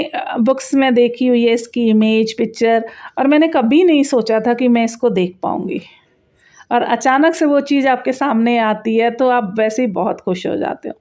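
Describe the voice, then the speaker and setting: A woman with a fairly high, darkish voice narrates a sightseeing tour as a travel vlogger, chatting casually and explaining the sights directly to viewers. The recording sounds dull, muffled and lo-fi.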